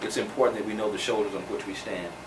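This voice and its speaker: A man's voice: lowish voice, fairly even intonation, fast talker. A middle-aged man hosting a talk show interview, speaking in an earnest, encouraging way on a studio set. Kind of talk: interview chat. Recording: roomy distant studio sound with noise.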